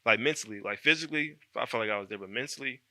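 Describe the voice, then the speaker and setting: A man in his twenties from Columbus, Ohio, a college football player answering questions in an easygoing, soft-spoken way with many fillers. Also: medium pitch, very fast, dry recording. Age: 20s. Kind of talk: casual interview chat.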